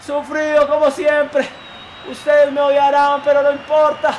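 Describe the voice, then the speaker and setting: A young Colombian man commenting on his own football video game match, excitable and often shouting and groaning at the plays. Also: very high-pitched, a little slow. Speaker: gaming YouTuber. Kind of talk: excited live gameplay commentary.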